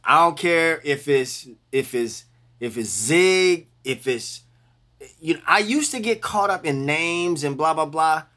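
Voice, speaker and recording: Fortysomething male musician guest, high and bright voice, emphatic and lively in casual chat. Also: a little slow. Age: 40s. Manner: animated, emphatic, slips into a mock preacher voice. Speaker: bass player guest.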